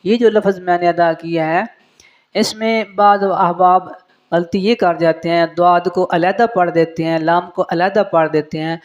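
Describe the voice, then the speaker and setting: A man teaching how to recite prayer correctly, explaining mistakes and repeating each word to show the right sound, then chanting verses slowly. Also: sits high, steady tone, lo-fi sound, faint music behind.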